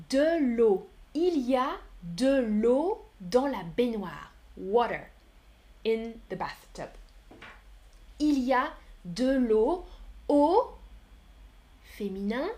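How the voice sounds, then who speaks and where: A woman teaching a live-streamed French lesson, speaking slowly and clearly, counting aloud and answering viewers in the chat. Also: fairly high pitch, darkish tone.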